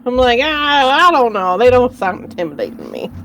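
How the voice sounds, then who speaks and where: A woman's voice: a little high, big pitch swings, a little fast, fairly bright tone, soft background music. A woman chatting casually and bantering in character as a player in a tabletop game.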